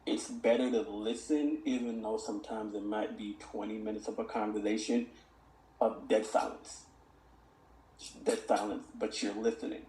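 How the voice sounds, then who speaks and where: In an echoey room, a young man with a low, dark voice talks earnestly as a guest on a podcast. The reflective, conversational interview covers his mentoring of kids and includes him reciting his own lyrics.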